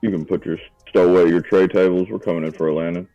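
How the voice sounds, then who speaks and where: A man putting on a male airline pilot's cabin announcement in a calm, steady way during a casual chat. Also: deep voice, fast talker, highs cut off, soft background music. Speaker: co-host. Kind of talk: casual chat during a live market stream.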